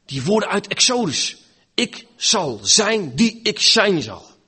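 A man preaching a sermon, dramatic, swinging between loud pleading and hushed, near-whispered lines. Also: high voice, sing-song, takes it slowly, slightly rough.

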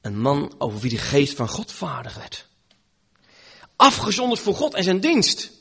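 A man preaching a sermon, dramatic, swinging between loud pleading and hushed, near-whispered lines. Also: a little high, huge pitch swings, a little slow, creaky, husky.

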